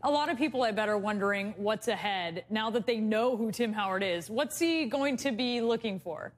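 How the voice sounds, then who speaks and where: A woman's voice: mid-range voice, lively intonation, moderate pace. A woman with an American accent chatting conversationally as a news anchor.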